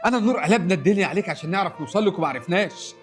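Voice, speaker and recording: An actor playing a defensive young husband in a comedy sketch, speaking bluntly and curtly with an Egyptian Arabic accent. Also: male voice, high voice, lively intonation, soft background music. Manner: rapid, curt and defensive.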